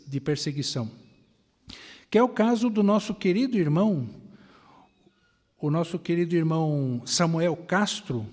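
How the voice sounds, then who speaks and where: Animated Brazilian man preaching in a hall. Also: a little high. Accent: Brazilian Portuguese. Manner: animated storytelling with rhetorical questions. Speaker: assembly speaker. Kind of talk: sermon-style talk with interview. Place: large assembly hall. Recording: reverberant assembly hall.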